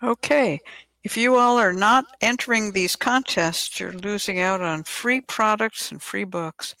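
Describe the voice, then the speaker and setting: A woman hosting a talk show, laying out history in a relaxed, explanatory way. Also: medium pitch, measured pace, dry recording. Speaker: podcast host.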